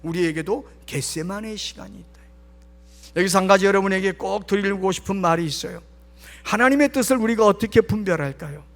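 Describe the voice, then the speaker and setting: A man's voice: high voice, brisk, a bit bright, faint music behind. A male pastor giving an emphatic sermon at a late-night prayer meeting, sometimes dropping to a whisper for stress. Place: church sanctuary. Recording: long church hall reverb.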